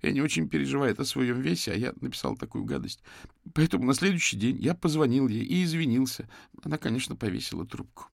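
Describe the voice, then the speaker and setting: A man's voice: medium pitch, sing-song, fast talker, vocal fry, dry recording, pitched above the performer's own voice. A man voicing a frightened young man under police questioning, stammering, shaky and close to tears. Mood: tearful.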